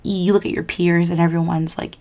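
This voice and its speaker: A woman's voice: fairly low pitch, level tone, a little fast, dark tone. A young adult woman vlogger chatting casually and giving personal advice in an informal, rambling, confiding way.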